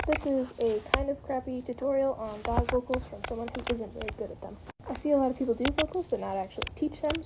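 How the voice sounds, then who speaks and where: A woman's voice: a little high, noisy background. A woman giving a casual, rambling spoken tutorial, hedging with lots of "like" and "kind of". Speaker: tutorial maker.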